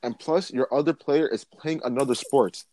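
A man's voice: medium pitch, normal speed, warm tone, no echo. A man talks sports on a podcast, pressing his argument with rising emphasis and lists of examples. His voice sits in an ordinary middle range. The sound is dry and close to the mic. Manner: emphatic, builds points in lists. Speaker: podcast co-host. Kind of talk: casual sports podcast chat.

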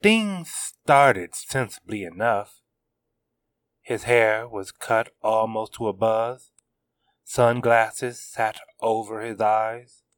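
A man narrating his own serialized web novel in a measured, steady reading. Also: fairly low pitch, dry recording. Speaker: author narrator.

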